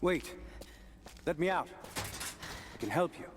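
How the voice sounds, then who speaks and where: A grave, persuasive stranger. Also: male voice, fairly high pitch, expressive. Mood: calm, persuasive. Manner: measured, grave. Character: mysterious male prisoner, calm and persuasive. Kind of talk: video game cutscene dialogue. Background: loud game score.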